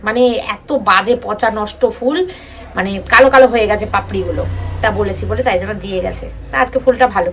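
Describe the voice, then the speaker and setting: Talking fast in a medium-pitched, fairly bright voice, a young woman vlogs chattily to her viewers, addressing them directly and using lots of fillers. There's a slight hiss or hum in the background.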